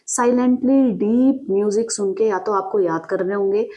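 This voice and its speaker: A woman reads tarot cards and talks straight to the listener in a steady, mid-pitched voice. She explains in a reassuring way, poses questions and answers them herself, and adds many small fillers as she goes. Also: normal speed, muffled recording. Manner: addresses the listener directly with rhetorical questions and frequent fillers. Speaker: tarot reader. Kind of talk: direct-to-camera tarot reading.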